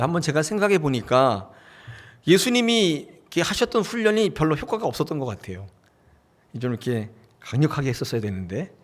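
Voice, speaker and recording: Male pastor, conversational sermon delivery with an animated pitch range; asks the congregation questions and acts out bits of dialogue. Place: church sanctuary.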